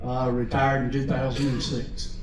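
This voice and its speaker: A man in his seventies or older giving a plain personal recollection in a halting, matter-of-fact way. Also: medium pitch, little pitch movement. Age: 70s or older. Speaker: retired army veteran, audience member. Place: large indoor venue. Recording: echoey room, distant, faint noise.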